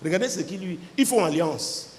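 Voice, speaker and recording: Male preacher, fervent and emphatic, high lively voice, long hall reverb. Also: normal speed. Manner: emphatic, impassioned, breaks into fervent exclamations. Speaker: preaching apostle. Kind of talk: live sermon in French with an interpreter.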